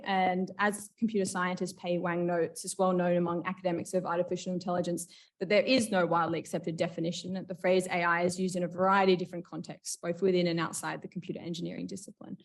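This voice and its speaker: A woman's voice: fairly low pitch, flat delivery, fast, gravelly. Woman presenting from a distance. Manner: casual, frequent fillers like "like" and "sort of". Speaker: conference presenter. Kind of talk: academic conference talk. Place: university function room. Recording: distant mic in a function room.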